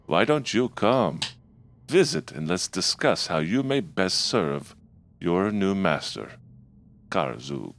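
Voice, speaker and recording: A man voicing an evil male villain who speaks through a possessed body in a deep, slow, otherworldly voice. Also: big pitch swings, fairly bright tone, exaggerated voice. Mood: menacing. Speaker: player.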